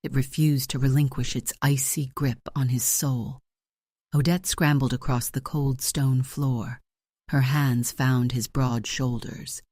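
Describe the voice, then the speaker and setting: A male narrator reads a romance audiobook with steady, dramatic delivery. His tone is dark and mellow, and the recording is dry and close. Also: medium pitch, no echo.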